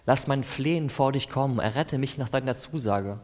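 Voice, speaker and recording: A man's voice: mid-range voice, moderate pace, a little mellow. A man reading psalm verses aloud as a devotional, stopping now and then to comment in a plain, conversational way. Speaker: preacher. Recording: long hall reverb.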